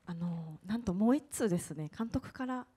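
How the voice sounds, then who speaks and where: A woman hosting a film stage greeting in a theater, guiding the program with polite, smooth phrasing. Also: mid-range voice, expressive, normal speed, dark tone. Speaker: event host.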